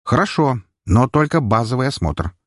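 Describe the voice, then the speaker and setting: A man's voice: mid-range voice, sing-song, moderate pace, no room sound, studio quality, voice pushed up. A man voicing a blunt, commanding young male hero who speaks curtly and barks orders. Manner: curt, barking orders.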